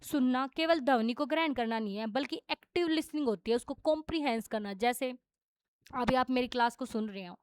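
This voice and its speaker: A woman's voice: fairly high pitch, darkish tone, no echo. A young woman with a Haryanvi Hindi accent teaching an exam-prep lesson, explaining in a casual way with English terms mixed in.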